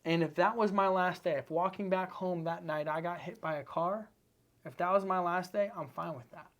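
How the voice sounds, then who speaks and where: A man's voice: sits high, normal speed, fairly bright tone. A man from Seattle, a podcast guest, talking earnestly in a casual interview with repetitive, emphatic phrasing. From Seattle, United States.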